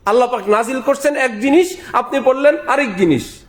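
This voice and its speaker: A male Islamic preacher delivers a Bengali waz sermon with emphasis, repeating key phrases and posing rhetorical questions. His voice is very high-pitched and he speaks at a normal speed.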